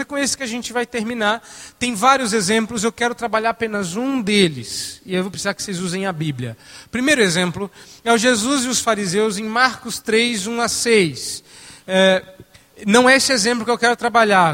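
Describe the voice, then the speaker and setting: A man preaching a sermon, emphatic and animated, swinging between loud stresses and soft asides. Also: high-pitched, long reverb tail.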